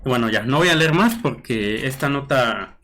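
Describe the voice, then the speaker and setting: A man's voice: medium pitch, animated, moderate pace, fairly bright tone. A man with a Mexican Spanish accent giving casual blog commentary, reading news snippets aloud and musing with frequent fillers and tag questions. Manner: conversational, musing with fillers like "este" and "¿no?". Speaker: blogger host.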